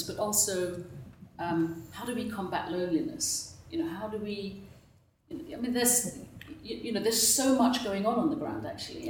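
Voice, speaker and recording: Her voice is fairly low and somewhat dark as she contributes thoughtfully to a roundtable discussion, peppering her speech with "you know." Captured in a conference room, the audio has slight background noise, a roomy echo, and a far-off mic.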